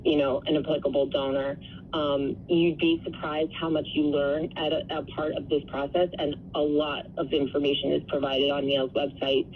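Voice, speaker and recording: A woman speaking as an interview guest on the radio, explaining things earnestly and conversationally. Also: deep voice. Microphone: telephone. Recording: tinny phone line with faint noise.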